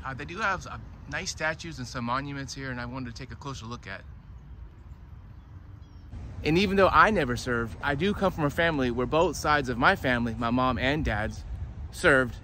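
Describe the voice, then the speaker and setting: A man's voice: medium pitch, bright, forceful tone. A man speaking as a tour guide, narrating an outdoor walking tour and explaining the sights as he goes. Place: outdoors in a public park. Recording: outdoor recording with urban ambient noise.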